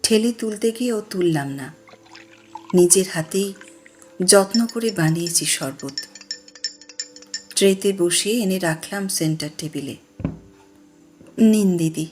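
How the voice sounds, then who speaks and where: A woman reading a story aloud in an unhurried, tender narration. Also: medium pitch, faint music behind. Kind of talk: audiobook narration.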